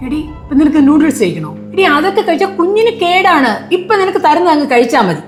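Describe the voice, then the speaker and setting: A woman's voice: high voice, very animated, quick pace. Lady playing a nagging middle-aged mother-in-law, bossy and scolding, music in the background. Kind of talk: short film drama.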